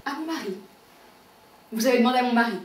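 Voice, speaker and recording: A woman's voice: on the high side, lively intonation, fast talker, natural voice. A woman playing a bossy bourgeois lady of the house who scolds her maid imperiously. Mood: haughty scolding. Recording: roomy echo, far from the mic.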